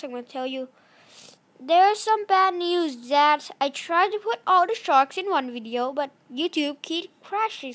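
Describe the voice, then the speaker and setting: A woman giving casual gameplay commentary, chatty and apologetic, breaking into excited shouts. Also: high voice. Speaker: gaming channel host.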